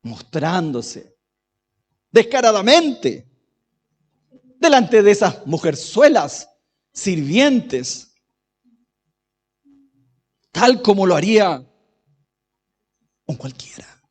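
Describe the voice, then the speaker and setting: A man voicing an indignant, scornful queen who mocks her husband with sneering, drawn-out words. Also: sits high, big pitch swings, breathy edge, heavily acted. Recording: echoey church hall.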